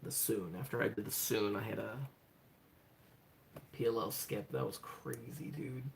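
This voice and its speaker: A man livestreaming from home, chatting excitedly to himself as he goes, with lots of "hold on" and "oh my gosh". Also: on the low side, a little slow, creaky, slight background noise. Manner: excitable, thinks aloud, repeats "hold on" and "oh my gosh". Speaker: livestreaming speedcuber. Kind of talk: casual livestream self-talk.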